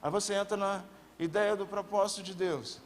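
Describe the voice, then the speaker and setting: Brazilian man, pastor, high-pitched, impassioned sermon, calls for amens, slight background hum. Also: steady tone, moderate pace. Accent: Brazilian Portuguese.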